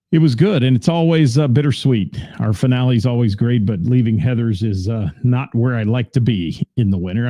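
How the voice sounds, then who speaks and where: A man's voice: mid-range voice, gravelly, dark tone, slightly rough, no room sound. A man hosting a local radio show in a rambling, chatty, self-deprecating way, greeting listeners and talking about gigs. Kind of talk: casual radio chat reading listener comments.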